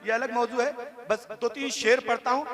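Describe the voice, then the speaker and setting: A male preacher giving a sermon at a religious gathering over a stage microphone. He calls the crowd to respond, shifts from quiet chatty asides to shouting, and chants verses in a sing-song drawl. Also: very high-pitched, steady tone, normal speed. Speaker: Islamic preacher. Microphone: stage microphone on a public address system. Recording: live crowd audible throughout.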